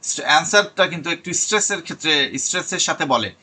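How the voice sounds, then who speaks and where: Bright-voiced man teaching an online class. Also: on the high side, expressive, husky. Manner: reads English tips slowly, explains in Bengali. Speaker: IELTS teacher. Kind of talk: online lesson.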